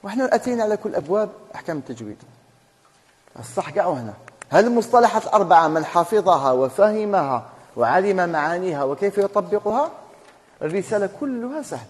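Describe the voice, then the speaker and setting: A man with an Algerian Arabic accent leads a tajweed class, and his voice sits fairly high for a man. He keeps questioning his students, then spells out the rules himself. The sound carries a long reverb from a mosque hall. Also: big pitch swings, quick pace. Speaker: Quran recitation teacher.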